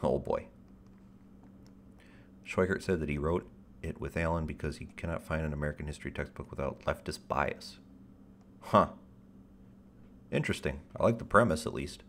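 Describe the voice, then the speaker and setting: A man with a deep radio-style voice, a bit bright, hosts a casual livestream chat, rambling in stop-start phrases with a wry, self-deprecating edge and casual swearing. There's a little hiss or hum.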